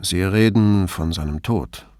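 Male reader as a cautious doctor, deep and even-toned, dry sound. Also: a little slow, dry recording. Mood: reserved. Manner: neutral, reserved. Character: guarded, neutral-toned male family doctor.

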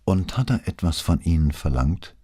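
A man voicing a calm, patient male police commissioner who questions in a measured, probing way. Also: deep voice, husky, no echo, studio quality.

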